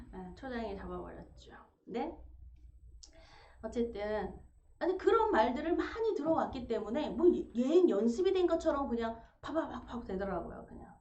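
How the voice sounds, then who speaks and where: A woman preaching a sermon, animated, acting out quoted quarrels with sharp rises in her voice. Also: high-pitched, unhurried, long pauses. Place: church sanctuary. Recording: echoey church room, dull sound, faint noise.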